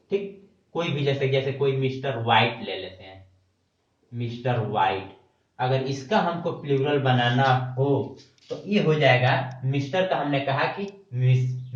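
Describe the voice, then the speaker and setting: Guy teaching english grammar, spells stuff out letter by letter, keeps saying okay, echoey room, mic kinda far. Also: medium pitch. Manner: spells words letter by letter, repeats "ठीक" often. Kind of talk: classroom-style video lecture. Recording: echoey room, distant mic, dull lo-fi sound.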